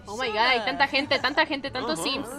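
A woman's voice: high voice, moderate pace, over loud music. A woman giving casual, dramatic and jokey commentary while playing a life-simulation video game. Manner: animated, dramatic, jokey, playful outbursts. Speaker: gaming youtuber. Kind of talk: casual let's-play commentary.

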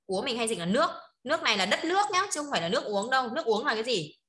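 A woman's voice: fairly high pitch, sing-song, rapid-fire, sharp tone. A woman teaching an online language class, checking in often with short tag questions and laughing easily. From northern Vietnam. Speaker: Chinese teacher. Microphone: online video call.

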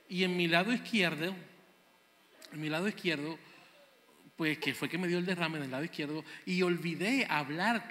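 A man doing a stand-up comedy routine, with animated, self-mocking storytelling. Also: high-pitched, long reverb tail.

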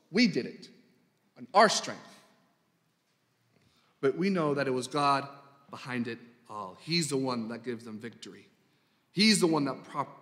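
A man's voice: medium pitch, fairly bright tone. A man preaching a sermon in a church, emphatic, with his voice jumping up sharply on quoted lines. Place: church hall. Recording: reverberant church hall.

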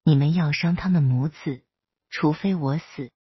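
A woman's voice: low-pitched, moderate pace, husky, no echo, lo-fi sound. A woman voicing a desperate middle-aged husband in a storybook reading, who pleads frantically.

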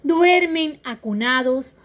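Lively woman reading a children's story. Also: sits high, slow pace. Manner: lively, asks the young listeners questions. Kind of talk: reading a picture book aloud to children.

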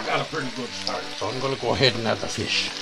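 Folksy gravelly man cooking at home. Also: mid-range voice, fast talker, low-quality recording. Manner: folksy, chatty, with occasional pirate jokes. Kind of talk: casual cooking demonstration in pirate costume. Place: home kitchen, indoors. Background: sizzling frying pan and music.

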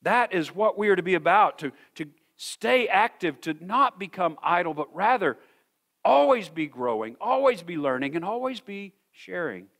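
Earnest higher-voiced preacher. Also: male voice, big pitch swings. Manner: earnest, emphatic, repeats words as he builds a point; slows to a soft, measured pace for scripture reading. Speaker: senior pastor. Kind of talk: sermon. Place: church sanctuary.

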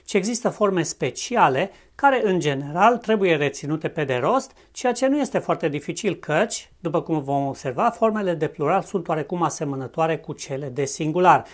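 Methodical bilingual English-lesson teacher. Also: mid-range voice. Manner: clear, methodical explanation repeating each example slowly. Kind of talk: scripted grammar lesson narration.

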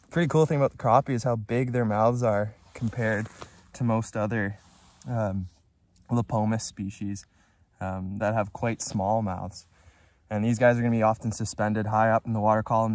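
A young fishing vlogger on a frozen lake explains what he's doing as he fishes, easygoing and enthusiastic in casual on-camera commentary. His voice is fairly low, steady, and at a normal speed, picked up by a camera sitting on the ice nearby.

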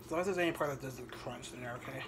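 A young man talking casually in a home kitchen vlog, rambling with many pauses and ums. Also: mid-range voice, noisy background. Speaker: vlogger. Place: home kitchen at night, indoors. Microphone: camera on the counter.

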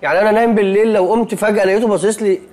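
A man's voice: sits high, fairly even intonation, racing, darkish tone, lightly acted. An actor playing a nervous, quarrelsome young man in a TV sitcom, speaking with an Egyptian Arabic accent. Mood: jittery. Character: jumpy, suspicious young man sharing a hotel room. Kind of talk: TV sitcom acting.

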